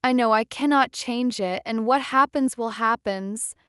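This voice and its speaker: Smooth-voiced woman reading simple examples. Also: on the high side, a little slow, a bit bright, no room sound, clean studio sound. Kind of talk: slow read-aloud example sentences.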